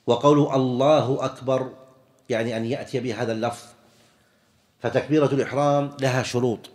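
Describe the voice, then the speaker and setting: A man's voice: mid-range voice, a little mellow. A man teaching a religious jurisprudence lesson, explaining step by step, repeating key terms and quizzing his students.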